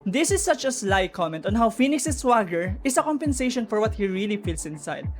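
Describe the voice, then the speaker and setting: A woman narrates game lore in a very animated, brisk mid-range voice, chatting directly with viewers and offering speculation. Music plays in the background throughout.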